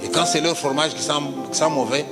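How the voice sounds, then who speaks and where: A middle-aged man from Congo, telling a comic story on stage in a lively, theatrical way and switching into other people's voices. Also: fairly high pitch, a little fast, big-room sound, loud music behind the voice.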